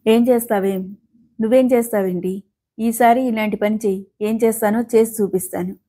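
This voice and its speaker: A woman's voice: on the high side, steady tone, normal speed, mellow, breathy edge. A woman reading the part of a hot-tempered young male student, speaking in a curt, defiant way.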